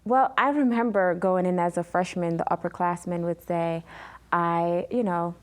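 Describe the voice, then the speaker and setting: A woman in her thirties who is originally from Jamaica tells her life story as an interview guest. Her voice is fairly low in pitch with a steady tone, and her earnest retelling is full of ums, fillers and frequent pauses.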